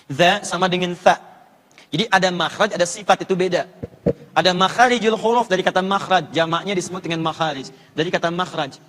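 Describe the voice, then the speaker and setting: Speaking a little quickly in a high, slightly bright voice, this man is an Islamic preacher running a live question session in a big lecture hall with an audience. He coaches pronunciation using repetitive, playful drills as a demonstration, and the hall's reverb lingers long.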